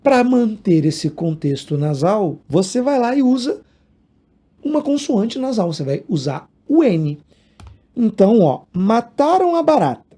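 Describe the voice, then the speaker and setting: A man's voice: high-pitched, sing-song, unhurried, mellow. A man teaching grammar in a casual video lesson, explaining with examples and asking the viewer questions.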